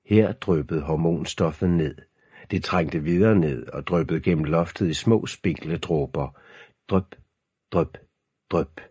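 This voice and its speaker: A man reading an audiobook aloud in a measured, ominous storytelling manner. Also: low-pitched, mellow, breathy edge, dry recording, studio quality. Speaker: narrator. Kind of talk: scripted audiobook narration.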